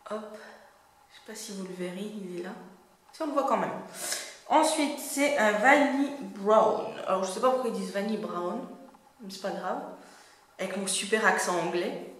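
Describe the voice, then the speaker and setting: A woman's voice: mid-range voice, moderate pace, pauses often, a bit bright. A young woman giving a casual makeup review as a beauty vlogger, chatty and hesitant with many fillers. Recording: very echoey room.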